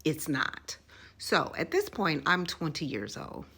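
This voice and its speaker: Husky-voiced woman telling a story. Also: sits low, slow. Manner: animated, conversational, asides to viewers. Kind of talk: casual storytime video.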